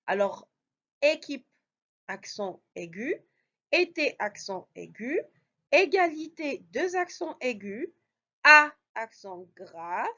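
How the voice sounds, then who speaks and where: High, lively woman teaching slowly. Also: lo-fi sound. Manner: slow, patient, explains step by step with frequent "alors" and "d'accord". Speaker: French teacher. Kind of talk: spelling lesson.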